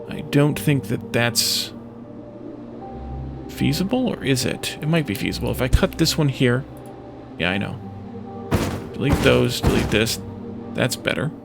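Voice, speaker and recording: Over background music, a man with a medium-pitched, creaky voice muses tentatively to himself while hosting a let's play. His gameplay commentary is casual, more thinking aloud than performing.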